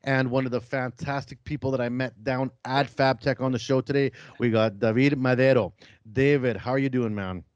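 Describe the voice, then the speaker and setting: A man's voice: medium pitch, steady tone, moderate pace, a little mellow, dry recording, muffled recording. Upbeat Chilean-born man hosting a podcast. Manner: upbeat, chatty. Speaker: podcast host. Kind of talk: casual interview chat.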